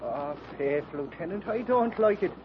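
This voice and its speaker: An actor playing a feisty, hot-headed soldier, in 1930s radio drama style. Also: male voice, high voice, animated, normal speed. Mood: defiant. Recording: dull, noisy old radio recording.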